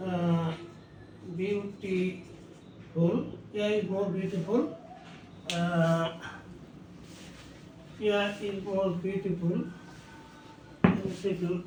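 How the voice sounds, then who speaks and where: A man with a Bangladeshi accent teaches English grammar in a slow, drawn-out way, repeating each phrase as he writes it out. His voice sits high. It is recorded from a distance in a very echoey room with faint background noise. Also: steady tone, a little mellow. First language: Bengali. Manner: slow and repetitive, spelling out each word as he writes, mixing Bengali and English. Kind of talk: slow classroom explanation while writing on a board.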